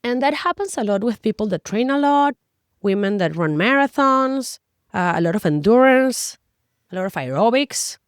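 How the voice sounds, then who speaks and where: This same Spanish-accented coach, middle-aged and a native Spanish speaker, talks straight to the viewer in lively, emphatic English peppered with Spanglish word slips while explaining nutrition to camera. Her pitch runs on the high side with lively intonation at normal speed, and the clean tone is recorded dry in studio quality.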